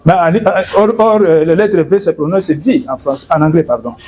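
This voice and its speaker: A man's voice: fairly high pitch, animated, normal speed, a little mellow. A man from Congo explaining in an interview, hesitant and repeating words and fillers. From Democratic Republic of the Congo. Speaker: guest.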